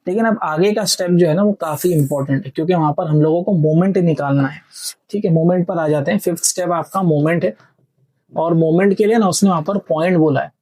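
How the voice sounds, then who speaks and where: A man's voice: fairly high pitch, fast, mellow, no room sound, poor audio. A man teaching engineering step by step, patiently walking students through a worked problem and checking in with them often. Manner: patient, repeats "theek hai" and checks understanding often; mixes English technical terms into Hindi speech.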